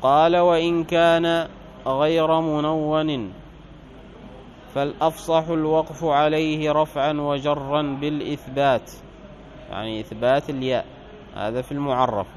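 A man teaching Arabic grammar, explaining a text line by line. He reads the quoted passages louder, slows down on examples and corrects his own slips. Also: a little high, steady tone, low-quality recording. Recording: faint background noise.

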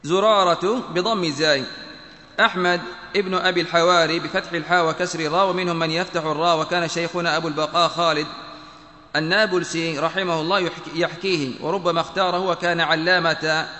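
Bright-voiced man reading in an echoey hall. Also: fairly high pitch, fairly even intonation. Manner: measured, pedantic spelling out of vowels, repeats phrases when correcting. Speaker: teacher reading a text aloud. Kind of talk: classical text reading with commentary. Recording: echoey room with long reverb.

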